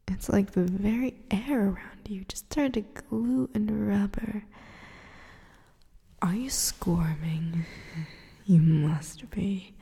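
A woman voicing a predatory female succubus in an erotic audio roleplay, whispering nearly every line in a slow, taunting way. The voice is gravelly, breathy and dark, with a long hall reverb around it. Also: medium pitch, exaggerated voice. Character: predatory teasing female succubus, cruel and gloating.

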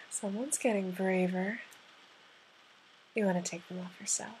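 A woman in an intimate audio roleplay addressed to the listener, talking in a soft, half-whispered voice that coaxes and gently commands. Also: medium pitch, fairly even intonation, unhurried, a little hiss or hum, poor audio.

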